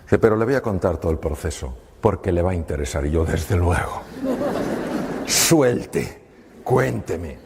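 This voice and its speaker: A middle-aged man, a doctor telling an anecdote to an audience and acting out the dialogue with pauses. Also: deep voice, expressive, gravelly, a little mellow. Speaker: doctor giving a talk. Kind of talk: storytelling talk to an audience. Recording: hall reverb with faint room noise.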